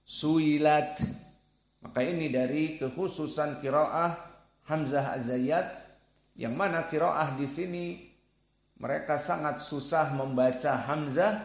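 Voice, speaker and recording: Male religious teacher, slightly high voice, slow deliberate delivery, echoey room. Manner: slow, deliberate, demonstrates Arabic sounds aloud. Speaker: Quran recitation teacher. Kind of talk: religious lesson.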